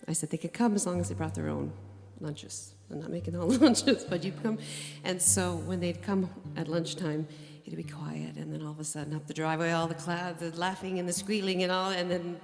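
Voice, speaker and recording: A woman's voice: fairly low pitch, flat delivery, a little fast, vocal fry, hardly any pauses. Chatty middle-aged woman, reverberant hall. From Cape Breton, Nova Scotia, Canada. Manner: chatty, homey storytelling with many fillers. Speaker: folk musician performing. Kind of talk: stage banter between tunes. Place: museum hall, live concert. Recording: long reverb with faint music.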